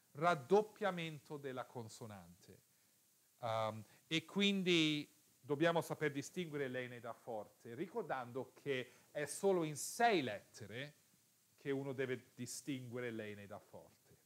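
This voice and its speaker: A man teaching a class, who repeats the key rules, puts questions to his students and often hesitates and corrects himself. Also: a little high. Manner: frequent hesitations and self-corrections. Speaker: teacher of biblical Hebrew. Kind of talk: lecture to students.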